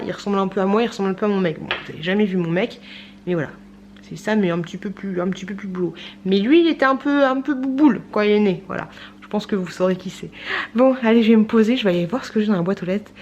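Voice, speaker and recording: A woman's voice: mid-range voice, fast talker, a little mellow, a little hiss or hum. A young woman, chatty and playful, vlogging casually at home with lots of fillers and asides to her viewers. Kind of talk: casual vlog chat. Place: at home, indoors and outdoors.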